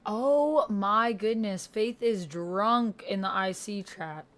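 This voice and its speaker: A YouTuber plays a text-based roleplay game, casually commenting as she types and reads the online chat aloud, thinking out loud along the way. Her voice is medium-pitched, slow and a bit bright. Keyboard typing comes through as noticeable background noise.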